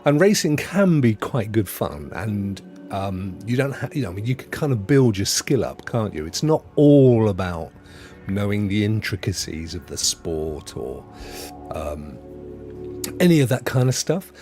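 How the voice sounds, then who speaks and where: A British man hosting a relaxed gaming livestream from a home setup. He talks in a jokey, rambling way and often restarts his sentences, and his pitch swings widely up and down. Soft music plays faintly behind him. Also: unhurried. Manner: chatty, jokey, rambling with self-corrections. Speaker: host. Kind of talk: casual chat on a gaming livestream.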